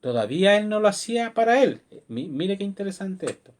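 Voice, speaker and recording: Animated, higher-voiced male preacher. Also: brisk. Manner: expressive, asks rhetorical questions. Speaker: pastor. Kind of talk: devotional sermon.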